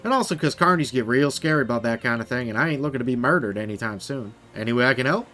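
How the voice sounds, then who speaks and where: A man's voice: medium pitch, fast talker, bright, forceful tone, soft background music, natural voice. A man voicing a folksy, easygoing female hobo drifter in a video game, with a laid-back drawl.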